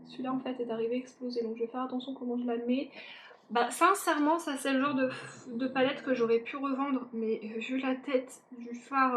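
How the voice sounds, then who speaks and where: Woman beauty vlogger, fairly high voice, chatty and self-mocking, faint background noise. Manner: chatty, self-mocking, talks to viewers directly. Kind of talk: casual makeup declutter chat.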